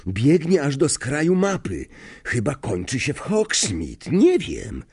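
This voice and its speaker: A man's voice: fairly high pitch, wildly swooping pitch, slow, darkish tone, breathy edge, pitched above the performer's own voice, heavily acted. A man reading an audiobook voices a determined teenage boy, speaking tense and urgent.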